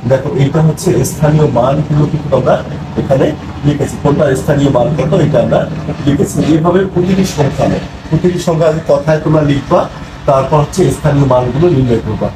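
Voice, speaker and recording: Man teaching math slowly in an echoey room. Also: fairly high pitch. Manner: counting aloud slowly, repeating each step. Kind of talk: step-by-step math lesson for children. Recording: echoey room with faint noise.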